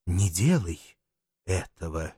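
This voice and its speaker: A man voicing a gentle, patient male angel in an audiobook, speaking in a soothing way. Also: low-pitched, very animated, slow pace, breathy edge, no echo, studio quality, pitched below the performer's own voice, full character voice.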